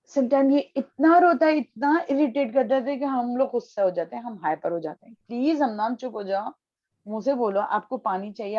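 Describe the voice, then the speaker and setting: Woman, parent caller, animated storytelling, dark mellow tone, dry dull sound. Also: fairly high pitch, dry recording. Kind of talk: casual conversation, describing her experience.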